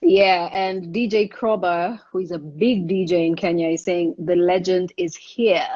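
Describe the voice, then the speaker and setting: Low-voiced woman host, lo-fi stream. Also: steady tone, unhurried, a little mellow, husky. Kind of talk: casual interview. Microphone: Instagram live call. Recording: dull lo-fi live stream audio.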